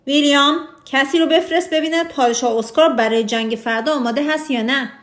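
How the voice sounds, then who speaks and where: A woman's voice: high voice, pitched above the performer's own voice, natural voice. A woman voicing a proud, stubborn king in a children's storybook, talking in a raised, insistent way. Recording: roomy echo.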